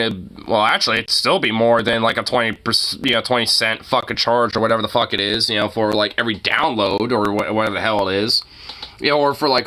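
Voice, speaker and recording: A man giving casual, off-the-cuff streamer commentary, rambling and halting, with plenty of loose swearing. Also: medium pitch, pushed and bright.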